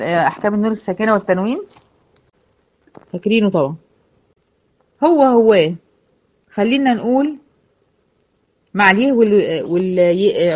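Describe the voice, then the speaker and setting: A woman's voice: medium pitch, expressive, fairly quick, long pauses, a little mellow. An Egyptian woman gives a tajweed lesson to her female students. She speaks patiently, poses questions and then answers them herself. The recording sounds muffled and lo-fi. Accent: Egyptian Arabic. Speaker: Quran recitation teacher.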